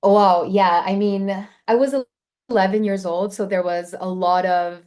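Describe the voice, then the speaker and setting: A woman's voice: medium pitch, steady tone, unhurried, darkish tone. A woman in her thirties, born in Albania and raised in Canada, chatting as an interview guest in a friendly way. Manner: friendly, chatty, some restarts. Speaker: guest, company founder. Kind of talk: casual interview chat.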